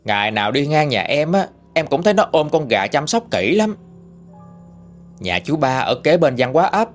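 A man's voice: on the high side, normal speed. A man, narrating a ghost story in a folksy, conversational way. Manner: folksy, lively retelling with rising and falling emphasis. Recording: faint background music.

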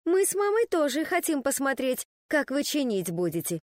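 A woman's voice: high voice, big pitch swings, moderate pace, no room sound, studio quality, pitched above the performer's own voice. A woman voicing a spoiled, glamorous young wife who purrs and speaks with sarcasm in an audiobook. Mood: sarcastic. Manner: breathy, purring.

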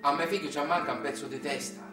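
A stage actor delivers a mournful, chanted monologue as an anguished, bitter Sicilian father from the countryside, using a Sicilian accent and emphatic, repetitive phrasing. His voice is a little high and fast, with fairly even intonation close to everyday speech. The recording is distant and roomy, taken from a stage with music.

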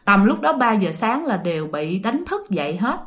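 A woman's voice: mid-range voice, sing-song, normal speed, fairly bright tone. A woman telling a listener's ghost story in a chatty way, speaking straight to her listeners. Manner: chatty, addresses listeners directly.

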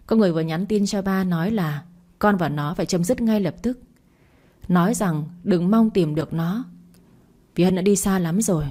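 A woman's voice: mid-range voice, dark tone, lightly acted. A woman reading as a stern, scolding older father. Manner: harsh, scolding.

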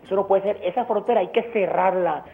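This radio call-in caller is a woman with her phone held at a distance, leaving her faint on a dull line. Her tone is indignant and she stumbles over her words. Her voice is mid-range, brisk and creaky.

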